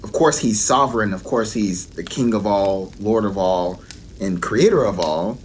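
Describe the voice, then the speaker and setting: A man's voice: lowish voice, unhurried, slight background noise. Earnest man giving devotional teaching. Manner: earnest, emphatic repetition.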